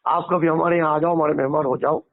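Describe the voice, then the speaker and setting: A man's voice: a little high, steady tone, fast, vocal fry. A man calling in to a religious debate, who insists again and again that he be heard. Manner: insistent, keeps asking to be heard. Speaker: caller. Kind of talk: heated phone debate. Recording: phone-line audio.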